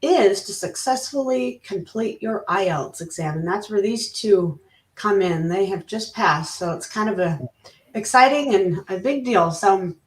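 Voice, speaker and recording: A cheerful woman interviewer talks with guests in a relaxed, chatty way, full of fillers and quick laughs. She sounds set back from the microphone in an echoey room. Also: mid-range voice. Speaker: interviewer host. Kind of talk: upbeat live interview. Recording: roomy, distant mic.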